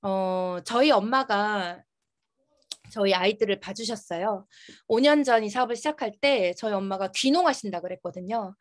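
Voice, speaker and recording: A woman's voice: medium pitch, normal speed. Woman presenting, slightly impeded by a retainer. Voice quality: slightly impeded articulation from wearing a dental retainer. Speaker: network marketing business presenter. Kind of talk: motivational business presentation.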